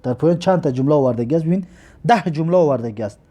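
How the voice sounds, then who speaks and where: A man teaching an Arabic grammar lesson. He spells out each example slowly and keeps urging students to pay attention. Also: a little high, animated, warm tone. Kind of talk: recorded classroom lesson.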